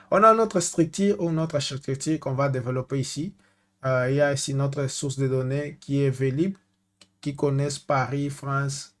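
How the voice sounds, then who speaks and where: With a mid-range voice, a man from Angola, a native Portuguese speaker with an Angolan accent, leads a screen-share tech tutorial as a data consultant. His delivery is hesitant, broken by frequent pauses as he hunts for French words.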